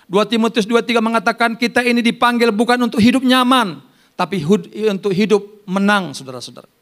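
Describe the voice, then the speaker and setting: Seorang pendeta pria berkhotbah dengan hidup, bergantian antara seruan keras dan sisipan pelan, sambil bercanda dengan jemaat. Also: male voice, very high voice, fairly quick. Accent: Indonesian. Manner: animated preaching with loud rises and soft asides; jokes with the congregation by name. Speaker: pastor. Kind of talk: sermon.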